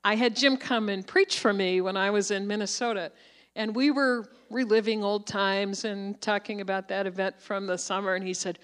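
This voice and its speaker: A woman introducing a guest speaker at a church gathering, telling a lively anecdote and quoting people in animated voices. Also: mid-range voice, moderate pace, smooth. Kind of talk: storytelling introduction. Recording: long reverb of a large hall.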